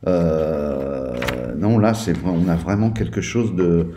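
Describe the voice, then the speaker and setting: A man's voice: sits low, animated, takes it slowly, mellow, highs cut off, slight background noise. A man reviewing a tabletop game book in a casual, hesitant way, with many fillers and restarts. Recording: echoey room.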